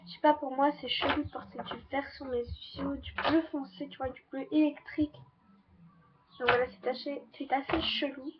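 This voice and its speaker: Teen girl beauty vlogger, high bright voice, chatty and loose, slightly dull home recording with faint hiss. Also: little pitch movement, normal speed. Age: teens. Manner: chatty, repeats "donc voilà" and "trop, trop bien". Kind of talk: casual makeup review. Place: bedroom with a fan running.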